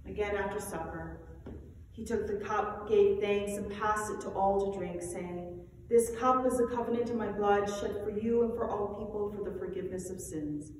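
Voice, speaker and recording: A woman's voice: mid-range voice, steady tone, a little mellow, slight background noise. Woman pastor in cathedral echo. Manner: measured, solemn delivery. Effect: heavy cathedral-like echo. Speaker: pastor presiding at communion. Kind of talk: reciting a church liturgy. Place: large church sanctuary. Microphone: distant room mic. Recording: echoey church hall from far off.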